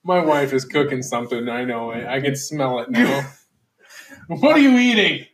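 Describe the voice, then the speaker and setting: A man's voice: medium pitch, expressive, normal speed. A man co-hosting a casual sports podcast, joking crudely, laughing often and throwing trash talk. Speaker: podcast co-host. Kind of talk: casual profane sports chat. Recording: distant mic, faint background noise.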